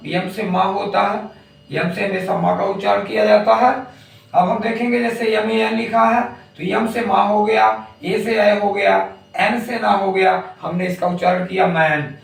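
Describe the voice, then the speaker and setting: A man's voice: high-pitched, fairly even intonation, measured pace, creaky. A man teaching English phonics, spelling out words letter by letter and then saying them. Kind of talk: phonics lesson. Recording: echoey room, distant mic.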